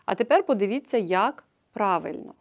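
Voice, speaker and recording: A woman teacher giving an online grammar lesson, patiently explaining each step and often checking in with a quick "right?". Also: medium pitch, animated.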